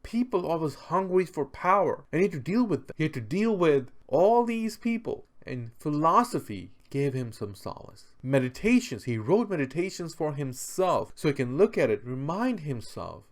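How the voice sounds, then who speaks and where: This man presents history and philosophy in an unscripted, conversational explainer, using rhetorical questions and repeated phrases to stress his points. His voice sits on the high side and is very animated and emphatic, moving at normal speed with few pauses.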